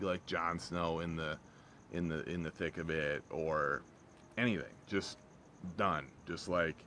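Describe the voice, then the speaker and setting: A man giving a casual, off-the-cuff rant, rambling and repeating himself in halting phrases, blunt and full of swearing. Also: low-pitched, fairly bright tone. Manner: rambling, repetitive, halting, often trailing off mid-phrase; blunt, profane, exasperated. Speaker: vlogger reviewing a TV episode. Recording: clear background ambient noise.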